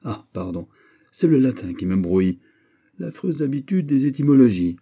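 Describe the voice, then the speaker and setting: A man reading an audiobook voices a lively young count of the royal court, bantering and exclamatory. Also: mid-range voice, normal speed, gravelly, pitched above the performer's own voice.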